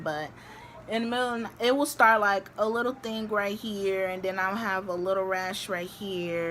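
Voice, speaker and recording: A young woman vlogging, telling a story to the camera in a chatty, animated way with many filler likes. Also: mid-range voice, slight background noise. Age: young adult.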